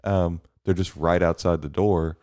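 A man with a very low voice chats on a casual podcast. He is easygoing and chuckles often. He sometimes trails off before finishing a thought. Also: fairly even intonation, a little slow, darkish tone. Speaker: podcast co-host. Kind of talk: casual chat.

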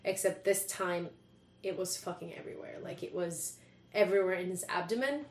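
A young Swedish woman chats candidly and casually as a podcast guest, swearing freely and laughing while she talks. Her voice is fairly low in pitch and brisk. The conversation was recorded in an echoey room.

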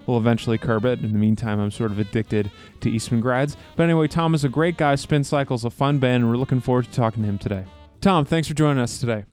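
A man hosts a podcast, interviewing a musician in a friendly, chatty conversation and laughing easily. His mid-range voice is a little mellow and quick, with soft music playing in the background.

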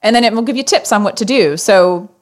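A woman as a podcast guest, telling a personal story in an earnest, animated conversational way. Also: medium pitch, fast.

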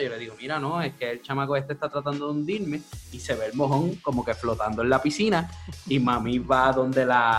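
A man telling a childhood story in casual chat, slipping English words in. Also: mid-range voice. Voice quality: animated, mixes English words.

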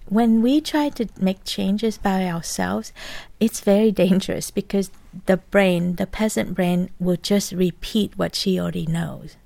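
Warm gravelly woman coaching earnestly. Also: medium pitch, measured pace, no room sound. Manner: drops to a whisper for inner thoughts. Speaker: guest coach.

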